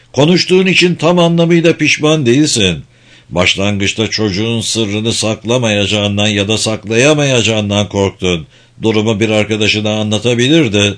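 A man voicing a bitter, lonely old man who talks to himself in a low, brooding way in an audiobook. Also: fairly bright tone, lightly acted.

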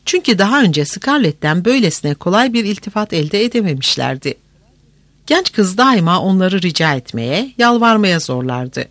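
An audiobook narrator telling a novel in a measured, expressive way. The pitch moves a lot from phrase to phrase. The sound is close and dry, with no room around it. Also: dry recording.

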